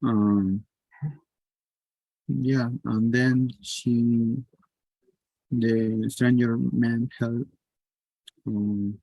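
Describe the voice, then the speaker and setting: Halting Spanish-speaking man, very slow. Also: medium pitch, little pitch movement, gravelly, dry recording, muffled recording. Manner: hesitant, searching for words. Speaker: student. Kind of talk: class answer.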